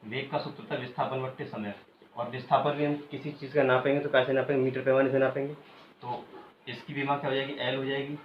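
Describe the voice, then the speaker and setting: A man in the middle of a classroom lesson, his mid-range voice bouncing around an echoey room. He keeps quizzing his students and leaving gaps for them to call out the rest, then repeats each answer slowly and patiently. The recording is muffled and carries a faint hiss. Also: mid-range voice, level tone. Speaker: teacher. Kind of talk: classroom physics lecture.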